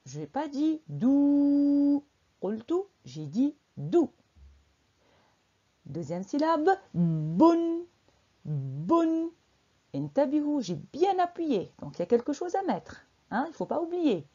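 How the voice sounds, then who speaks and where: A woman teacher drilling young children through a dictation lesson, sounding out syllables slowly and exaggeratedly and quizzing the class with encouraging questions. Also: sits high, big pitch swings, warm tone, slightly rough, muffled recording.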